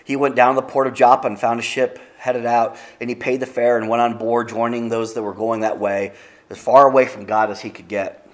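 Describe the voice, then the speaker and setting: A man's voice: medium pitch, little pitch movement, a little fast. A man preaching a sermon, retelling a Bible story in a conversational way with easy asides to the congregation. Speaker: pastor.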